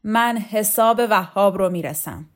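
A woman reader voicing a coarse, domineering woman revolutionary leader who talks loudly and with contempt in an audiobook. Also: mid-range voice, lightly acted. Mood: contemptuous. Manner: loud, insulting, contemptuous. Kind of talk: audiobook character voice.

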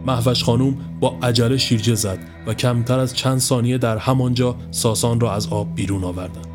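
A man's voice: medium pitch, steady tone. A man steadily narrating a scripted horror story. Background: soft music.

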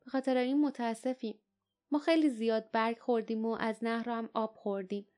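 A woman voicing a gentle, apologetic male Kin creature in an audiobook, speaking softly and politely. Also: a little high, fairly even intonation, close to an everyday voice. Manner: soft, polite.

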